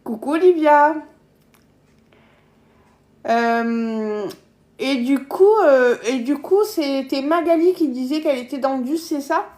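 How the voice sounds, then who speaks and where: A woman's voice: high-pitched, takes it slowly, long pauses, darkish tone. A woman with a southern French accent, hosting a casual cooking live stream from her kitchen, chatting with viewers and laughing often. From south of France. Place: home kitchen.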